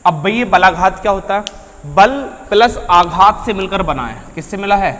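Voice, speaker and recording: Male teacher with a high voice lecturing a class and quizzing students as he goes, in a room with a long echo. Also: normal speed, fairly bright tone. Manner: asks students questions and answers them himself; addresses students as beta and bhaiya. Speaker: Hindi grammar teacher.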